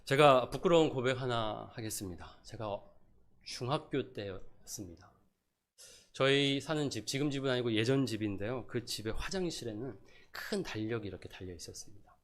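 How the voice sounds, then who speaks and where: A middle-aged man preaching a sermon as pastor, moving between loud emphasis and soft asides, and acting out pleading prayers. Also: mid-range voice, animated, moderate pace. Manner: acts out prayers and quotes in a pleading voice.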